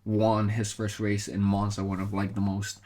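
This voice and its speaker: A man from Colombia speaks as a podcast guest, his voice sitting a bit low. He talks reflectively, pausing with fillers and restarting his sentences as he explains. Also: completely flat delivery, a little mellow. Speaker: guest, motorsport content creator. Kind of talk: casual interview.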